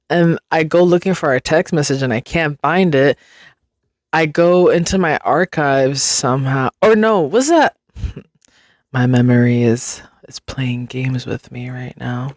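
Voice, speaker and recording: A woman's voice: low-pitched, dry recording. Dry, rambling young woman podcaster. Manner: rambling, self-interrupting, swears freely. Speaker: podcast host. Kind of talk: casual solo podcast monologue.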